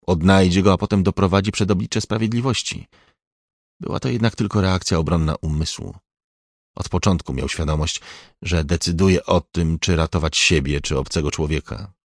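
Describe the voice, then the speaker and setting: A man reading an audiobook in a measured, even scripted narration. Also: low-pitched, no room sound, studio quality.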